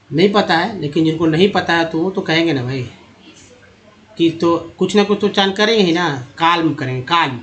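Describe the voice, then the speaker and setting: A man's voice: high-pitched, a bit bright. A man teaching English pronunciation, explaining step by step and repeating each word. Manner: repetitive, explains step by step, addresses viewers as friends. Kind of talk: spoken pronunciation lesson.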